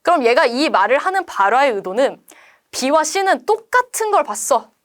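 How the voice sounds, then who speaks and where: A woman's voice: high-pitched, very animated, normal speed. A young woman teaching a Korean literature exam explanation, asking rhetorical questions and paraphrasing quoted lines in casual speech. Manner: asks students rhetorical questions.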